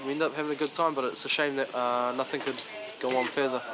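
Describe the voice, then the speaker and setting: A man's voice: medium pitch, fairly even intonation, quick pace. A young man, a party-goer giving casual interview remarks. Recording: loud crowd noise, outdoor street.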